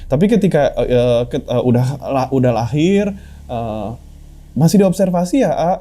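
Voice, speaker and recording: A man's voice: mid-range voice, expressive, moderate pace, warm tone. A young man in casual, heartfelt chat, telling a personal story with many restarts and quoted lines. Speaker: guest sharing a personal story.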